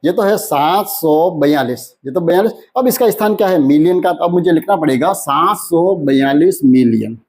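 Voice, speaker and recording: A man teaching a maths lesson in who keeps asking questions and answering them himself, slowing down when he reads out numbers. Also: fairly high pitch, lively intonation, darkish tone. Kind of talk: classroom lesson explanation.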